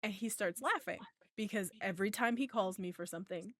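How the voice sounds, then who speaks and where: A woman's voice: medium pitch, a little fast, fairly bright tone, no room sound. A woman in her thirties hosting a podcast, telling a story in casual chat and acting out the back-and-forth dialogue with free swearing. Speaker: podcast host.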